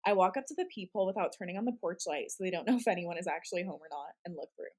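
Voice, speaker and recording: A woman's voice: lowish voice, very fast, darkish tone. A woman co-hosting a casual show, reading scary stories and reacting to them in a chatty, giggly way. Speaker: podcast co-host.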